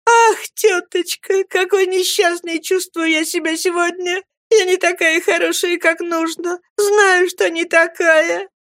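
A woman's voice: steady tone, normal speed, hardly any pauses, dry recording, clean studio sound, close to an everyday voice. A woman reading an audiobook, voicing a tearful, fragile young woman who pleads through her sobs. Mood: pleading. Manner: sobbing, high and pleading.

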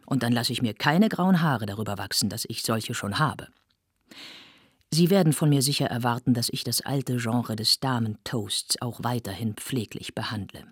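A woman reading a novel aloud, voicing an older gentleman who gives a flowery, gallant toast at a dinner. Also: a bass voice, normal speed, slightly rough, no echo, studio quality. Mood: jovial.

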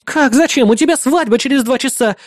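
A reader voicing a bratty, loud young girl who scolds and shouts. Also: a little fast, no echo, clean studio sound, lightly acted. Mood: indignant scolding. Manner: shrill, shouting.

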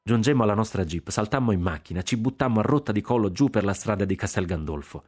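A man with an Italian accent reading a literary novel aloud in a measured, deliberate way. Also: on the low side, lively intonation, darkish tone, slightly rough. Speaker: audiobook narrator.

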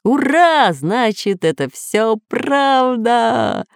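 A woman reading as an old, learned professor, lecturing with eager enthusiasm. Storybook voice, animated, in a dry, close room. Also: sits low, normal speed, no room sound. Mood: elated.

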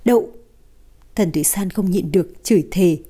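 A woman narrating a romance novel in an even, steady storytelling voice. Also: fairly low pitch, brisk, husky.

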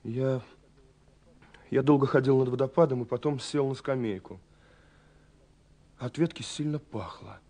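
In a 1970s Soviet radio play recorded with faint music behind, a young adult male actor plays an earnest romantic searching for a mysterious girl. He confides haltingly, with dramatic pauses, his medium-pitched, warm voice sounding agitated and dreamy.

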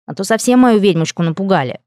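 A woman's voice: mid-range voice, expressive, fast, warm tone, dry recording, studio quality, close to an everyday voice. A woman voicing a male magical scribe familiar, cheeky and complaining, in an audiobook reading.

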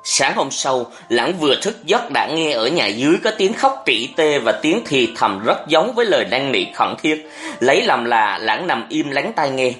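A narrator reading a historical novel aloud in a steady storytelling manner. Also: mid-range voice, moderate pace, soft background music. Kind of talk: audiobook narration.

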